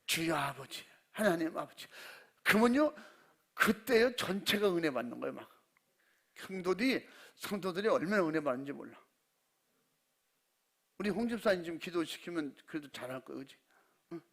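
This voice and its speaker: A male pastor delivers a Wednesday evening sermon in church. His voice sits fairly high and has a gravelly edge. He tells folksy, humorous stories and acts out his members' prayers in hushed tones. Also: very animated, fairly quick, long pauses.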